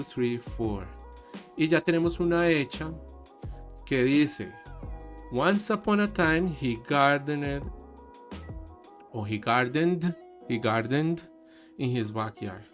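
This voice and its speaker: Slow, patient man teaching English. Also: medium pitch. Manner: explains slowly, switching between Spanish and English. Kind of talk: online English lesson. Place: online class over a video call. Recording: faint background music. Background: soft background music.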